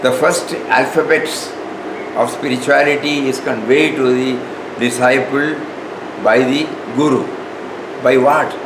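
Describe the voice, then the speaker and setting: A man's voice: medium pitch, fairly even intonation. South Indian man teaching in an echoey room. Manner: halting, repeats words, tags questions with "no". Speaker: spiritual teacher. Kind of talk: informal spiritual lecture, partly reading aloud. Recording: echoey room with clear background noise.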